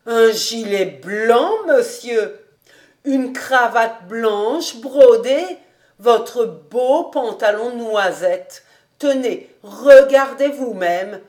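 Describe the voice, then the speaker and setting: A woman's voice: a little high, drawn-out words, a little mellow. A woman doing a chattering old housekeeper. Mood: coaxing. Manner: eager, coaxing, chattering. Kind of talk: audiobook character reading.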